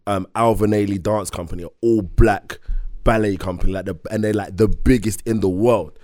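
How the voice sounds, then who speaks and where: A man's voice: lowish voice, fairly even intonation, normal speed, a little mellow, no room sound. A man with an urban London roadman accent, talking casually and insistently among friends, repeating himself in slang. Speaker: dancer. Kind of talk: casual group discussion.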